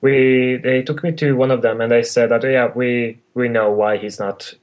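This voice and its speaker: A man's voice: mid-range voice, fairly even intonation, normal speed. A man from Norway, a guest in a casual interview who rambles, laughs and restarts his sentences often. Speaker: podcast guest.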